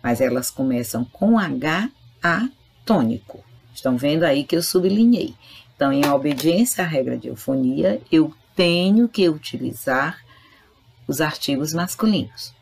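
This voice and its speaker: A woman's voice: low-pitched, lively intonation, measured pace, gravelly, darkish tone, slight background noise. A woman teaching a grammar lesson, explaining patiently and speaking directly to her students. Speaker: Spanish teacher. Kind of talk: recorded online grammar lesson.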